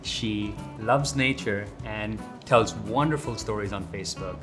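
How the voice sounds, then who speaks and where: A man's voice: on the low side, unhurried. A young man hosting a casual cafe interview, asking upbeat, friendly questions. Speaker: host. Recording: background guitar music.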